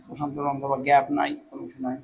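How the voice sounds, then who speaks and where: A man teaching a classroom biology lesson, slowly spelling out long terms and often checking that students follow. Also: medium pitch, monotone, vocal fry, phone-quality sound, slight background noise. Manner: slow deliberate spelling out of terms, frequent check-ins. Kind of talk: classroom lecture.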